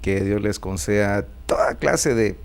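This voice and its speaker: A middle-aged man with a Guatemalan Spanish accent speaks as a pastor in an interview. His voice is low and gravelly with noticeable fry. He talks in an easy, chatty way and keeps tagging his sentences with a questioning "right?", over a faint mains hum. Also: unhurried. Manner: chatty, often tags lines with a questioning "right?". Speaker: pastor and prophet, interview guest. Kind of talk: relaxed testimony interview.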